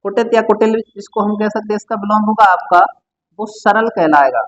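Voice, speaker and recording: A man's voice: high-pitched, brisk. A man teaching a Hindi vocabulary lesson for exam prep, keeps quizzing the listener with repeated questions and answering them himself. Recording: dull lo-fi sound.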